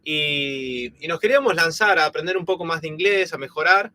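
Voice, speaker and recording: On a dry recording, an Argentine man in his thirties co-hosts a live stream in easygoing chat peppered with fillers and restarts. His voice leans high and his pace is fairly quick, and years in Spain have toned down his Argentine Spanish accent.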